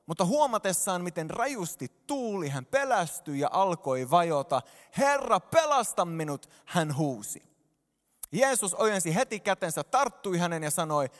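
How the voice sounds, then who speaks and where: A male pastor delivering an animated sermon from a church stage, speaking directly to the congregation. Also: sits high. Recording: long hall reverb.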